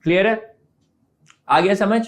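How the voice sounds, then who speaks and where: A man with a high-sitting voice teaches maths in an online class at a measured pace. He works through each step, mixes English terms into his Hindi, and keeps checking whether his students have understood.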